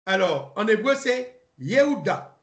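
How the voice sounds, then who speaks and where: Halting man teaching a bible class. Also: high-pitched, animated, a bit bright. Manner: halting, repeats words, spells names letter by letter. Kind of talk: informal Bible study lesson. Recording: roomy echo.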